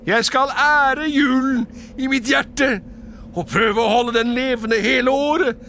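A man voicing a frantic, excitable old male miser in a storybook reading, crying out in a high, strained voice. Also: slight background noise, heavily acted. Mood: desperate pleading. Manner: cries out in shrill exclamations. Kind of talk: storybook character voice.

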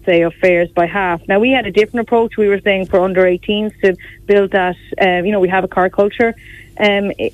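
A woman's voice: mid-range voice, no room sound. A woman with a west of Ireland accent talking politics in a radio interview, in a conversational way peppered with filler phrases. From Galway, west of Ireland. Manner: conversational, frequent "you know" and "like". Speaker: opposition politician. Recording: dull, dry radio sound.

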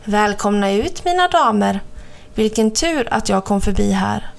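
A woman's voice: mid-range voice, expressive, creaky. Storybook hunter, male, brave and hearty; a woman reads him. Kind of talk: storybook reading.

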